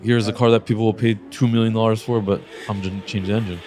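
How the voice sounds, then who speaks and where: A man hosting a car podcast in casual chat, relaxed and swearing freely, laughing often. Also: lowish voice, quick pace. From Lebanese Armenian family. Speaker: podcast host.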